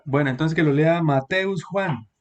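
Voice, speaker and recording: A male teacher leads an online class in a voice that sits a little high for a man. He explains things patiently and stretches out key words so students can follow. He keeps turning to the students with questions. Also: measured pace.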